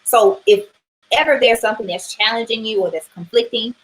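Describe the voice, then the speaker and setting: A woman's voice: fairly high pitch, fairly quick, low-quality recording. A woman talking through a weekly astrology reading in a casual livestream, chatty and loose, swearing now and then and asking "right?" a lot. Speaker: tarot and astrology reader.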